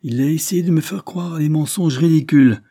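A man's voice: lowish voice, lively intonation, brisk, mellow, slightly rough, no echo, studio quality. A man reading an audiobook, voicing a hot-tempered young captain who speaks in a furious, curt way.

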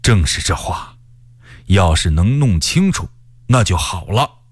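A man's voice: deep voice, sing-song, unhurried, no echo, voice pushed down, exaggerated voice. A male storyteller voicing a stern middle-aged male rebel leader who speaks in a commanding, heavy way. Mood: brooding.

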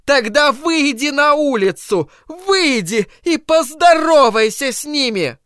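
A man voicing a fanatical old woman who preaches doom in a slow, drawn-out, shrill way. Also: lively intonation, pushed and bright, dry recording, studio quality, heavily acted. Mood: frenzied.

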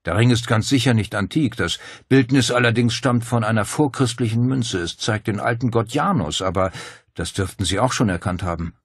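A man's voice: fairly low pitch, fairly quick, breathy edge, no room sound, studio quality, pitched above the performer's own voice. A man voicing a courteous, anxious older clergyman in an audiobook, polite and solicitous in manner. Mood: concerned. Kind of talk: audiobook character voice.

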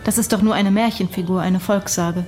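A woman's voice: medium pitch, fairly even intonation, fairly quick, a little mellow, faint music behind, lightly acted. A woman playing a curious, sceptical questioner in an audio drama, polite and inquisitive.

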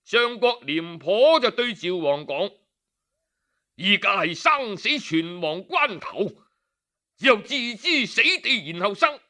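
A man with a Cantonese accent tells a historical tale in the traditional storytelling style, slow and sharp-toned with big swings in pitch. He is dramatic, sighing between phrases and shifting his pitch to voice the figures he quotes.

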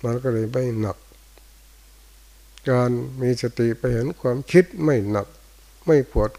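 An older male Buddhist monk, giving a dharma talk in short, unhurried phrases with pauses. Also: mid-range voice, dark tone, poor audio. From Thailand. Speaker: monk teacher. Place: monastery hall after morning chanting.

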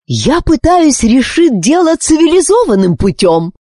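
A cunning, hot-tempered queen from a storybook, as a woman reader puts her on. Her voice rises high and swings widely with imperious force. Every line sounds close and dry. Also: huge pitch swings, unhurried, a little mellow, slightly rough, dry recording, heavily acted. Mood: furious. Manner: imperious, shrill when angered.

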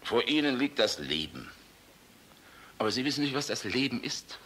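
An actor in a German radio drama plays an old, world-weary, passionate general, blustering and fatherly in a rhetorical way, swinging between outbursts and hushed musing. His mid-range voice is sing-song at normal speed, with a little hiss or hum in the recording.

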